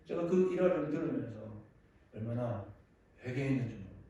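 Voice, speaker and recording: A man's voice: medium pitch, animated, brisk, dull audio. Earnest male pastor in an echoey hall. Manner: earnest, swings between loud exclamation and quiet reflection. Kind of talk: sermon. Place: church sanctuary. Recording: echoey hall, distant mic.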